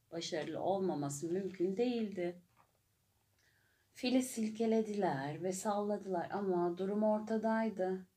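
Lady telling a kids story, slow clear gentle reading. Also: medium pitch. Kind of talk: children's story narration.

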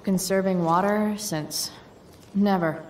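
A woman's voice: medium pitch, steady tone, slow pace, darkish tone, recorded from a distance, a little hiss or hum, close to an everyday voice. A woman playing a sardonic, guarded, rebellious teenage girl in a video game, with a casual, sarcastic way of talking. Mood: dry, sarcastic. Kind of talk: video game character acting.

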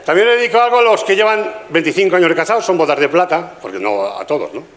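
A man's voice: fairly high pitch, lively intonation, quick pace, fairly bright tone. An older man from Spain with a Spanish accent, doing a chatty stand-up comedy routine at a gala and teasing the audience. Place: live stage with audience.

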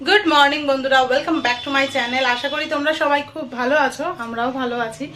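A woman's voice: high-pitched, steady tone, fairly quick, over music. A young woman from West Bengal, a mother chatting casually to viewers from her home kitchen in a homely vlog. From West Bengal, India. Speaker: vlogger, mother.

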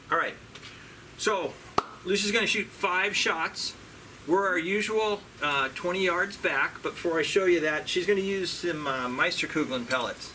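A man hosting a casual airgun review at an outdoor range, chatty and relaxed with frequent fillers. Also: high-pitched, unhurried, background noise.

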